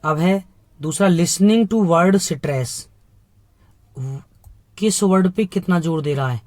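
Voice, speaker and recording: A man's voice: high voice, slow pace, a little mellow, no echo. A man teaching an exam-prep lesson in Hindi mixed with English terms, asking rhetorical questions and repeating key points with emphasis.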